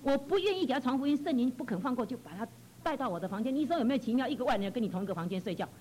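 A woman's voice: fairly high pitch, lively intonation, racing, warm tone, slight background noise, poor audio. A woman giving a fervent personal testimony, telling her story with frequent exclamations.

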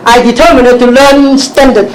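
Very high-voiced male interpreter, Chinese accent. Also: level tone, poor audio. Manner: halting, hesitant phrasing. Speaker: sermon interpreter. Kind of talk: live consecutive interpreting.

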